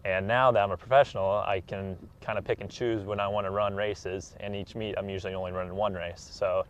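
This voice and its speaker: In a dull, slightly noisy room recording, a track athlete in his 20s who competes professionally answers interview questions casually as the guest. His fairly low voice comes out flat and fairly quick.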